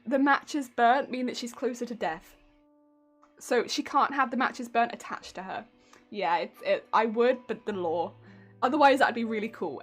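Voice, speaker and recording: A young woman with a Hampshire English accent chatting casually on a stream, telling a story and often breaking into laughter. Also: high voice. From England. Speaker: cosplay streamer.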